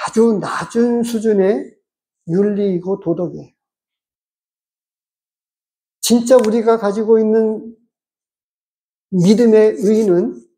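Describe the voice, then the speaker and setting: Mellow-voiced pastor preaching a sermon. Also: medium pitch. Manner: measured, explanatory preaching with rhetorical questions.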